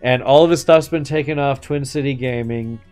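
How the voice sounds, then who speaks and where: A man's voice: mid-range voice, moderate pace, a little mellow, clean tone. Casual, slangy male game streamer over music. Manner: casual slangy speech with swearing. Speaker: live streamer. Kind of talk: casual live game-stream commentary and chat.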